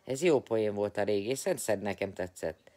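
Man, low voice, tired, chatty live-stream host, teases and greets viewers. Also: darkish tone.

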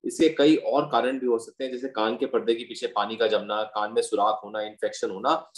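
A man who is an ENT doctor, calmly explaining hearing problems and giving patient advice with medical terms in an interview. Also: fairly low pitch, fairly quick. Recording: roomy echo.

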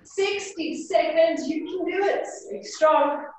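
Leading a HIIT class from an indoor home exercise studio with cupboards, a young female fitness instructor works out alongside her students, straining as she demonstrates moves and calls out short, motivating gym-coach commands. Her voice is very high, slow and a little mellow. Captured by a far-off camera or laptop on a video call, the sound is distant and very echoey, with a little hiss or hum.

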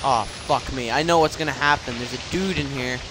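A man's voice: medium pitch, brisk. A young man playing a horror game, swearing and talking himself through each scare in casual commentary. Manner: jumpy, swears, talks to himself while playing. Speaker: let's play gamer. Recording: noisy game capture with clear background noise.

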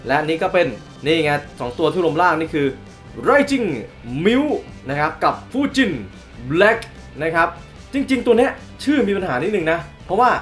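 A young man hosting a casual toy unboxing review. He is excitable, exclaims often and hums little sound effects as he shows the box. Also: high-pitched, unhurried, faint music behind. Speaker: toy reviewer, channel host.

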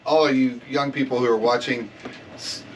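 A middle-aged man hosting a casual chat at a table in a boat's cabin, talking with animated enthusiasm. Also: mid-range voice, moderate pace, distant mic, slight background noise, low-quality recording. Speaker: boat captain and show host. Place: boat saloon indoors.

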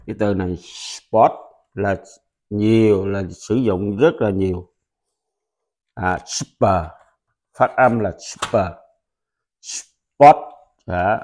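A man whose first language is Vietnamese, patiently teaching a pronunciation lesson and repeating example words loudly. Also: lowish voice, fairly even intonation, takes it slowly, pauses often. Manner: patient, instructive.

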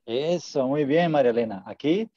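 A man's voice: mid-range voice, animated, moderate pace, dark tone, no room sound, muffled recording. A man teaching an online Spanish class, patient and encouraging, repeating words so students can drill them.

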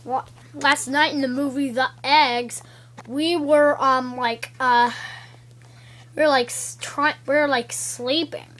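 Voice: sits high, fairly even intonation, slow pace, fairly bright tone. A child narrating an improvised toy-play story in a playful, rambling way, dropping into whispers between character voices. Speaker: child playing with toys.

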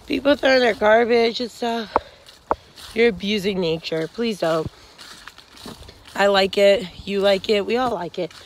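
A young woman talks slowly into a phone held at arm's length while out on a wooded trail. She rambles frankly, with plenty of fillers and restarts, at an even mid pitch. Faint outdoor noise sits behind her voice. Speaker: hiking vlogger. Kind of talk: casual advice vlog.

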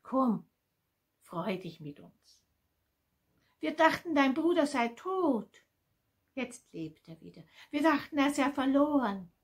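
A woman voicing a forgiving old father in a children's Bible story, exclaiming his joy and coaxing gently. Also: sits high, very animated, slow, long pauses, pitched above the performer's own voice, full character voice. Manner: exclaiming, warm and pleading.

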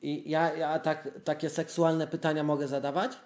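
A man's voice: a little high, level tone, moderate pace, a little mellow, slight background noise. A man in his twenties, a streamer, chatting casually on a phone call from his room. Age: 20s. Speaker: live streamer making a call. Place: room at a desk, indoors. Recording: roomy indoor echo.

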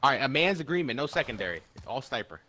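A man coaching a friend through a game match, repeating calm advice. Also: mid-range voice, rapid-fire. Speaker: coach of a player. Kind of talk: casual gaming chat.

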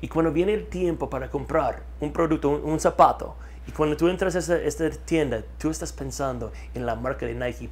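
A mid-range voiced man from the United States, working as a marketing consultant, talks energetically in an interview on a lapel mic. He's in a studio with a map behind him, gesturing animatedly and repeating key words to drive his points home.

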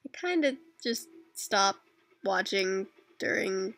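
A woman's voice: mid-range voice, animated, takes it slowly, a bit bright, no echo. A woman in her twenties with a Canadian accent, chatting casually and answering questions in a rambling, self-deprecating way with dry asides. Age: 20s. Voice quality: creaky. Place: dark bedroom at night, lying on a bed.

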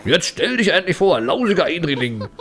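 A man voicing a blustering, easily frightened pirate captain with gruff, commanding exclamations, reading video game dialogue. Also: on the high side, sing-song, a little fast, fairly bright tone. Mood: indignant, commanding.

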